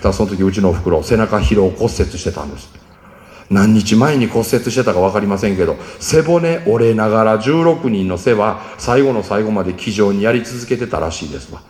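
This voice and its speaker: A man's voice: on the low side, animated, a little fast, darkish tone. A middle-aged man with a Kansai accent tells an emotional personal story as a speaker, acting out the voices he quotes. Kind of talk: storytelling talk. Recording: echoey hall.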